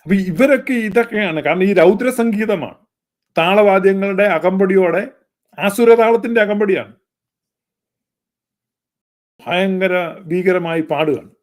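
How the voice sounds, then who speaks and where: A man's voice: sits high, normal speed. A man preaching in a fervent, scolding style, with pointed repetition. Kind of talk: sermon-style critique.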